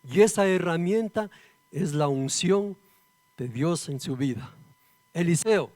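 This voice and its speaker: A man's voice: a little high, expressive, slow, a little mellow. A man from Ecuador, a pastor, praying fervently and preaching a sermon with repeated invocations and rhetorical questions.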